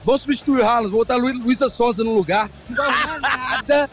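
A man's voice: extremely high pitch, quick pace, fairly bright tone, soft background music. A man with a Brazilian accent, a football fan giving a cocky, joking street interview outside a bar. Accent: Brazilian Portuguese. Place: outdoor bar.

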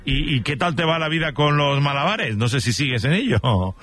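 A man's voice: fairly high pitch, expressive, normal speed, fairly bright tone. A man hosting a radio show, asking questions in a casual, joking way. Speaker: radio host.

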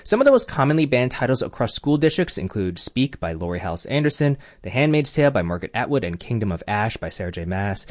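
A male correspondent reading a radio news report in a measured way. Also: mid-range voice, sing-song, no room sound, studio quality.

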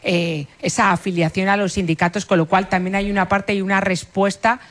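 A woman's voice: mid-range voice, little pitch movement, a little fast. A woman giving spoken commentary as a panellist on a radio talk show.

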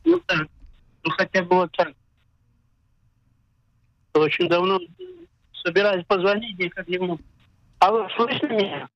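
High-voiced older guy calling in, crackly phone line dropping out, dull lo-fi sound, halting, keeps asking if they hear him. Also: animated, dry recording. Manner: halting, keeps checking he is heard. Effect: crackly phone line that keeps cutting out. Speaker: caller. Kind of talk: radio call-in question. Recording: dull, breaking-up phone call.

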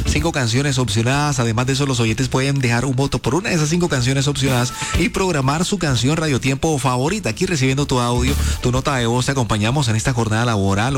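A man hosting a radio countdown show, chatty and upbeat, talking straight to his listeners. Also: mid-range voice. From Colombia. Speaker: radio host. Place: radio studio. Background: music.

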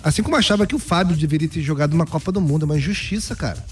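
A man's voice: on the high side, racing, far from the mic, soft background music. A man commentating on football in a radio sports debate, blunt and emphatic.

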